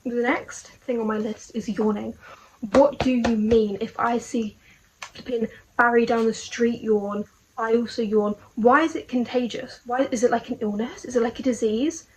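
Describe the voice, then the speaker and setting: A young woman rambles through her video diary in a slightly high voice. She talks casually and in a puzzled way, stacking up "like"s and rhetorical questions. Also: fairly even intonation, normal speed, a little mellow, slight background noise, rough recording. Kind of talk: casual rambling monologue to camera.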